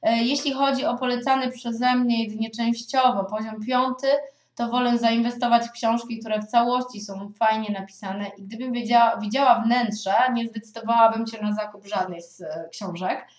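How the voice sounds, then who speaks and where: Woman in her thirties, parent reviewer, measured and thoughtful with frequent pauses; slightly raised pitch. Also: steady tone. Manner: thoughtful, hesitant, with frequent drawn-out filler sounds. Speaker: parent reviewing children's books. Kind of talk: spoken book review. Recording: echoey room.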